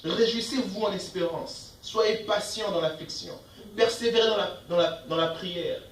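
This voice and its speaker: A man's voice: sits high, moderate pace, reverberant, recorded from a distance, slight background noise, poor audio. A man preaching a sermon as pastor, emphatic, asking the congregation questions and reading verses aloud. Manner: reads scripture verses aloud between comments. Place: church.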